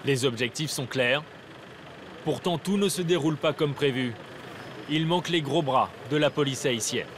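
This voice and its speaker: A man narrating a documentary in a measured, matter-of-fact way. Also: fairly high pitch, noisy background. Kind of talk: scripted narration.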